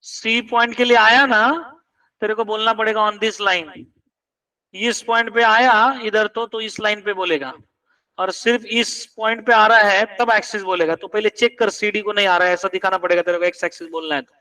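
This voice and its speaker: A man's voice: sits high, fairly even intonation, normal speed, sharp tone, distant mic, low-quality recording. A man teaching math in a classroom, quizzing students and pressing them to check each step. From India.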